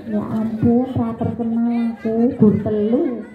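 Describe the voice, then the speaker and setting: Woman storyteller, slow and coaxing, echoey hall with crowd behind. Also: a little high, flat delivery, narrow, tinny audio, noisy background. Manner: playful, coaxing, chants with the audience. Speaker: children's storyteller. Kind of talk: leading a lively school assembly.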